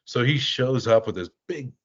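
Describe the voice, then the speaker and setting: An older man, a guest in an interview, telling stories casually and rambling with halting restarts. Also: medium pitch, animated, highs cut off. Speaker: guest, animal relief volunteer.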